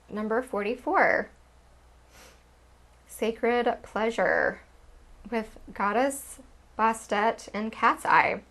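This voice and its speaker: A woman giving a spiritual tarot card reading in a gentle, soothing way. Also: a little high. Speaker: tarot reader.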